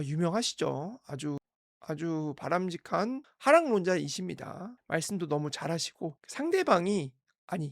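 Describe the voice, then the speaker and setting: A man's voice: high-pitched, no echo, clean studio sound. A man hosting a real estate channel, giving casual, sarcastic commentary on housing prices and a televised debate. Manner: sarcastic, talks over quoted debate clips.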